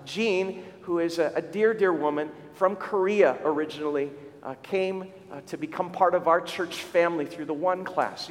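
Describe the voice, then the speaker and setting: High-voiced pastor in an echoing church. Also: male voice. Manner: conversational, frequent restarts and repeated words. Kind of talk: sermon with church updates. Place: church sanctuary. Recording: long church reverb.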